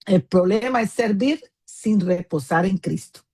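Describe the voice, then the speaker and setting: A woman's voice: mid-range voice, unhurried, a little mellow, breathy edge. A woman, a pastor's wife, giving an earnest teaching talk to other women in a firm tone that can sound scolding, with many fillers and "isn't that right?" asides.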